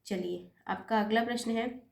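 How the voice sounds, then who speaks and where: A woman's voice: fairly high pitch, fairly even intonation, measured pace, vocal fry, a little mellow, slight background noise. A woman teaching an exam-prep lesson, patiently spelling out corrections step by step and correcting her own slips as she goes. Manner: self-correcting, apologizes for slips. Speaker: Hindi teacher.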